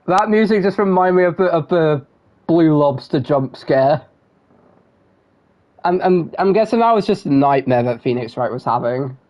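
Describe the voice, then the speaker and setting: A man's voice: fairly high pitch, lively intonation, normal speed, muffled recording. A man streaming a game live, chatting in a rambling, giggly way that keeps interrupting itself. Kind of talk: live gameplay commentary.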